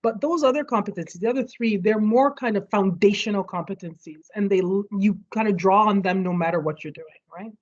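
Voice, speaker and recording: A woman's voice: medium pitch, fairly quick, hardly any pauses. A woman leading an online study group over a video call, explaining a topic and checking in with everyone. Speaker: study session leader. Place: home near street fireworks. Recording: muffled video call audio.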